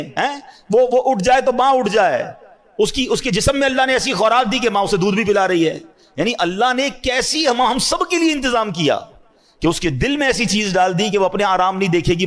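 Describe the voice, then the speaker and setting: Male preacher with a high voice; sermon delivery, drops to hushed asides, rises to fervent cries, keeps questioning the listeners. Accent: Urdu speaker from South Asia. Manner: swings between hushed low asides and high emphatic cries. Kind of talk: religious sermon.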